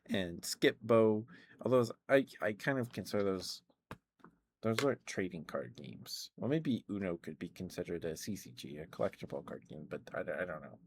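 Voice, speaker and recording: A man with a low-pitched voice talks casually on an ASMR stream. He meanders through his thoughts hesitantly, in the manner of someone chatting to viewers. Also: expressive, normal speed, background noise. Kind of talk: casual ASMR rambling to chat.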